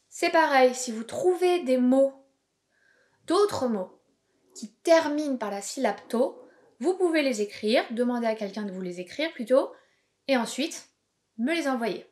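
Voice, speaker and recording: Her high-sitting voice guides little ones through a home-school video lesson. As a preschool teacher, she speaks slowly and clearly, always encouraging.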